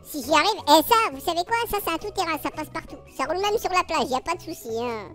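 A cheeky cartoon frog with a very high, squeaky voice that swoops up and down, as a man puts it on. He teases and banters nonstop, chatty and playful, talking through a video-call mic with faint music behind. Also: animated, quick pace, bright, forceful tone, full character voice. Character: cheeky male cartoon frog on a tropical beach. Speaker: YouTuber trolling strangers on video chat.

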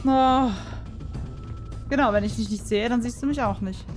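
A fairly high-voiced woman chatting her way through a game, yelping and groaning at every scare. Faint music plays under her voice. She reads the on-screen dialogue aloud as she goes. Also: moderate pace. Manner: excitable, frequent startled exclamations. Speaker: let's play gamer. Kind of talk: casual gameplay commentary.

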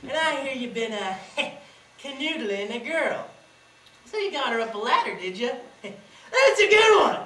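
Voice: high voice, sing-song, a little slow, pushed and bright, slight background noise, heavily acted. A student performer playing a boastful, sly old country grandfather who lectures with a cackling folksy drawl, on a school stage. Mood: boisterous. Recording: distant echoey auditorium recording.

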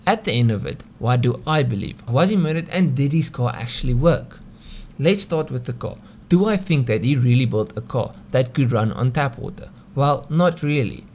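A male video host with a South African accent delivers a scripted explainer in a conversational style, frequently raising rhetorical questions. His voice sits mid-range, animated and a little mellow, at a normal speed over slight background noise.

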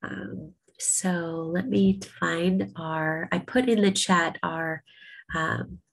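A woman rabbi leading an online class, sniffly with a cold, speaking in an unhurried way with many ums and restarts. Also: on the low side, fairly even intonation, gravelly, rough recording.

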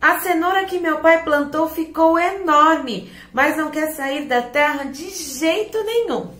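A woman voicing an excited, cheerful little girl rabbit with bright, eager exclamations. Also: high voice, a little slow, reverberant. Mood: urgent.

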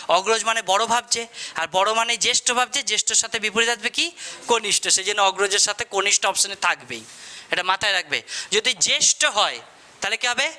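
A man with a Bengali accent teaches a class, firing questions at his students and repeating their answers back to them. His voice sits high and rings very bright. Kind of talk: classroom lesson.

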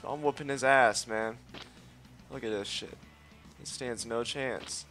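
A man hosting a let's play talks at a measured pace in a mid-range voice, soft music behind him. His live commentary is excitable and cocky, full of boasting, frequent swearing, and yelps when something goes wrong.

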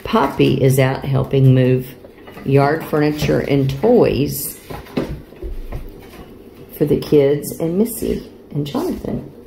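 An older woman, a grandmother, chatting and praising grandchildren in a warm, encouraging way. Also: rumbling low, slow, vocal fry, long pauses, a little hiss or hum. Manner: warm, praising, talking to small children. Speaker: grandmother and show host. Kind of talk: casual chat with grandchildren.

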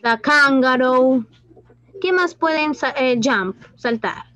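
A woman teacher with a high voice leads an online class, switching between Spanish and English as she asks questions and praises her pupils. She speaks slowly with a slightly bright tone, and there's no echo. The recording sounds dull and lo-fi.

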